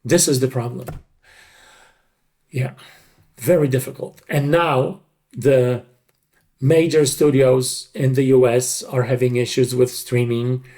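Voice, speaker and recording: There are long pauses as an older dubbing director, interviewed about his craft, explains it emphatically and repeats words for stress. He takes it slowly, with a medium-pitched, fairly even and mellow voice that is creaky, untrained and a bit tired.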